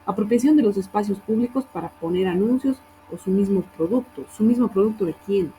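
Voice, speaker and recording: A woman's voice: mid-range voice, fairly quick, warm tone, a little hiss or hum, poor audio. A woman teacher reviewing student assignments, correcting wording and often checking in with her class.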